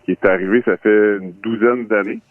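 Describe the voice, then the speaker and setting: A man with a Québécois accent calling in anonymously with a voice modifier making him sound deep and disguised. He tells his story in a rambling, halting way. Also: fairly even intonation, no echo. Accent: Québécois French. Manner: rambling, halting, repeats words while telling. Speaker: anonymous caller. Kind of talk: call-in confession story. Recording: dry tinny phone line.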